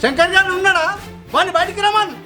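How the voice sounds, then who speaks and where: Brief: man as a protective Telangana father, raised pitch, heavy music beneath. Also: fast, heavily acted. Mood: angry. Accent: Telangana Telugu. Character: older village father, protective of his new wife. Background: loud background music.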